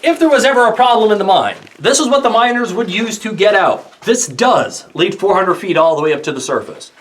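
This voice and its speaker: A man leading a guided tour through an underground coal mine, explaining things step by step in a plain, lively way with gentle jokes. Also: high-pitched, fairly quick, recorded from a distance. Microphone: visitor's handheld camera from a few steps away. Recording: echoey mine tunnel, voice from off-mic.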